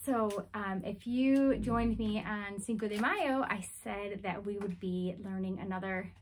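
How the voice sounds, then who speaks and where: A woman teaching Spanish words to young children, counting and singing in a slow, sing-song way. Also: mid-range voice. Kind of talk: children's language lesson.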